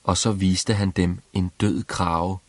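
A man reading a fairy tale aloud as storyteller, in a lively, expressive way. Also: low-pitched, no echo.

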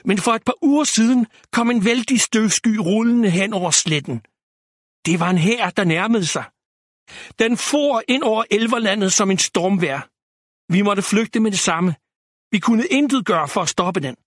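A man's voice: sits high, animated, no echo, clean studio sound. A man voicing a panicked young male elf border guard in a storybook, talking breathlessly and urgently.

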